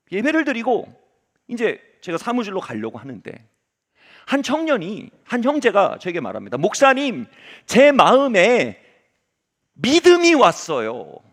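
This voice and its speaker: A middle-aged male pastor delivering a Sunday sermon, telling a personal story and swinging between loud exclamations and hushed asides. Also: high-pitched, wildly swooping pitch, a little fast.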